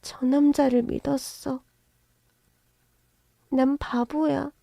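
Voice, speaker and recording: Fragile young wife, put on by a woman, soft slow tearful murmur. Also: high-pitched, flat delivery, vocal fry, no room sound, clean studio sound, pitched above the performer's own voice, exaggerated voice. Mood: heartbroken.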